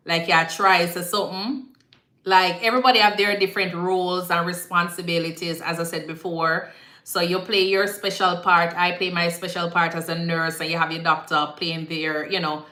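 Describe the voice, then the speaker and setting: Jamaican woman, nurse-host type, low-pitched but bright and forceful delivery, chatty with bits of patois. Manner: chatty, repeats herself, slips into patois phrasing. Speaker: nurse hosting a live Q&A. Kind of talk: casual live-stream chat answering viewer comments. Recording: echoey room.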